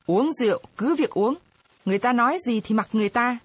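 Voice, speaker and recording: A woman's voice: a little high, lively intonation, quick pace, breathy edge, dry recording, voice pushed up. A woman reading aloud, voicing an arrogant, drunk male village council head who talks in a domineering way. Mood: scornful. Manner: bossy, domineering.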